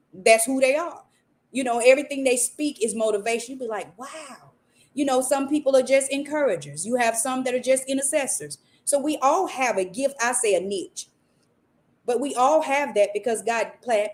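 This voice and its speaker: A woman hosting a podcast, giving an earnest, faith-based motivational talk and repeating phrases for emphasis. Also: fairly high pitch. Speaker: podcast host.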